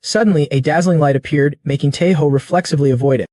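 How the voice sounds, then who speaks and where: Male narrator, slightly high voice, dry close sound, steady scripted recap reading. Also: fast, no echo.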